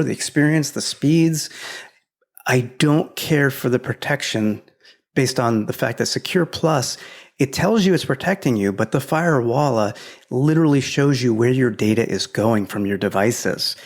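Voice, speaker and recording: A man co-hosting a tech podcast, explaining product choices in a relaxed, opinionated way. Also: medium pitch, creaky. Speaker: podcast co-host. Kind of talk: casual tech advice chat.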